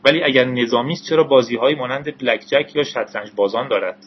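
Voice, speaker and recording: A man's voice: mid-range voice, highs cut off, slight background noise, natural voice. A man voicing an eager young male gamer with a questioning delivery, in an audiobook reading. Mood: earnest.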